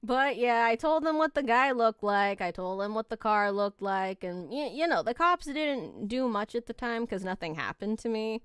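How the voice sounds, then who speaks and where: A young woman streamer telling a story casually, animated, swearing and mocking herself as she rambles. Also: fairly high pitch, moderate pace, hardly any pauses, smooth, dry recording, studio quality.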